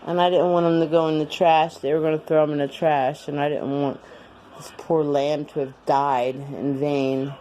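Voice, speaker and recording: A woman filming at home, cooing baby talk to her cats in drawn-out, sing-song phrases. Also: sits low, level tone, mellow, highs cut off, slight background noise. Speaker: cat rescuer filming her pets. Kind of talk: casual home video talking to cats. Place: at home indoors.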